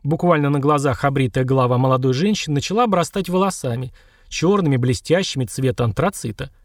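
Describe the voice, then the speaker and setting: A man's voice: quick pace, no echo, clean studio sound. A man reading a fantasy novel aloud in scripted narration, lifting his voice for the characters' lines. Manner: raises pitch for dialogue, steady narrating. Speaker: audiobook narrator.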